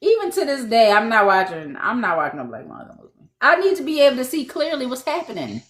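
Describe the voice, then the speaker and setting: A woman's voice: a little high, huge pitch swings, fast, a bit bright. A woman, co-hosting a casual chat podcast and telling stories in a laid-back way. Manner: laid-back, storytelling, laughs often. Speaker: podcast co-host.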